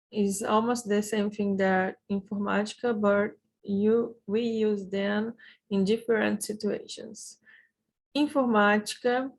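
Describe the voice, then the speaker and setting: Slow, gravelly Brazilian woman teaching words. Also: medium pitch. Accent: Brazilian Portuguese. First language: Portuguese. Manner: patient, repeats each word slowly. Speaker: language teacher. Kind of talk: slow language lesson with repetition drills.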